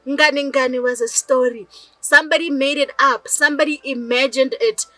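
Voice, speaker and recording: A woman's voice: high voice, fairly even intonation, moderate pace, sharp tone, no echo, rough recording. A young South African woman, a native Northern Sotho speaker, talking straight to her viewers as a storyteller and asking them questions as she goes. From rural South Africa. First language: Northern Sotho (Lobedu). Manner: chatty, addresses viewers directly with rhetorical questions. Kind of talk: direct-to-camera personal vlog.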